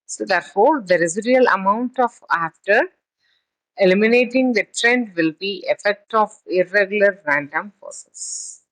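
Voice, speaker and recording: A woman's voice: mid-range voice, animated, a bit bright, rough recording. A woman giving a recorded statistics lecture, reading from a text and then explaining it in her own words, with frequent fillers and restarts. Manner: halting, with many fillers and restarts.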